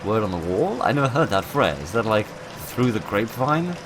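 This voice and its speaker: A man's voice: fairly low pitch, sing-song, brisk, background noise. Wry man playing a game. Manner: playful, wry asides, reads game text aloud. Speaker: gaming YouTuber. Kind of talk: let's play commentary. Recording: game music playing underneath.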